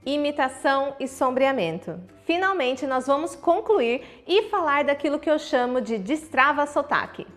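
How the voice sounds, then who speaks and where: A woman's voice: sits high, expressive, normal speed, few pauses, fairly bright tone, soft background music. A Brazilian woman teaching English in a video lesson, speaking directly to the viewer and demonstrating English words, with a Brazilian Portuguese accent. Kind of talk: online video lesson with tips.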